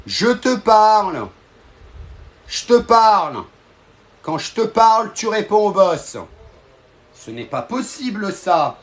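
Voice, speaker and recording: A hot-headed, bossy boss, as a man puts him on, barking the same orders over and over in a comedic live-stream rant. The voice sits fairly high and pushes hard and loud. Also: exaggerated voice. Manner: repetitive, threatening, commanding. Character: bossy, short-tempered male boss scolding followers.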